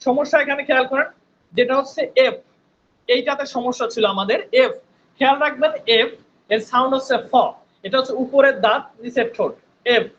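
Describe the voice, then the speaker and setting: High-voiced man teaching on a call. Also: a bit bright, muffled recording. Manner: patient, repeats sounds slowly, checks in with "right?". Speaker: spoken English teacher. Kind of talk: online class lecture. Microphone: headphones on a video call.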